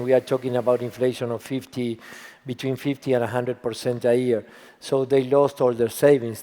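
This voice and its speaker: Hoarse, yelled-out man in an echoey hall. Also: medium pitch. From Argentina. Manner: halting, repeats and restarts phrases. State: hoarse from yelling, voice worn out. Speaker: panelist, agricultural token entrepreneur. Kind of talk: conference panel answer. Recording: echoey conference hall with long reverb.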